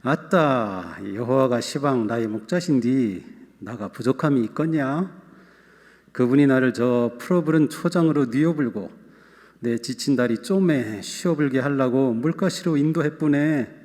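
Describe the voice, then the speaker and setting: A man's voice: medium pitch, unhurried, a little mellow, lightly acted. A pastor voicing a folksy rustic man reciting a psalm with a put-on Jeolla accent, in a playful, drawling way. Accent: Jeolla dialect, put on. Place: church sanctuary. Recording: long church hall reverb.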